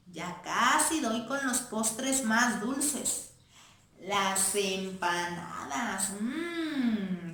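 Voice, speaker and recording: A woman voicing a calm, sweet female mouse in a children's play, speaking in a soothing, sing-song way, in an echoey room. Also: fairly high pitch. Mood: coaxing.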